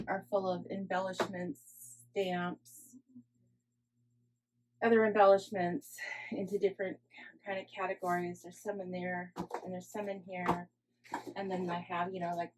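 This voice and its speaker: A woman giving a casual craft-room tour as a vlogger, rambling and thinking out loud indoors at home. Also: mid-range voice, a little hiss or hum, poor audio.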